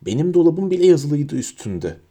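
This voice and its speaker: Male reader plays a stubborn boy: high, raised, insistent, storybook voice. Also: big pitch swings, a little fast, warm tone. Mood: defiant. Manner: insistent, angry. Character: stubborn young boy, defiant.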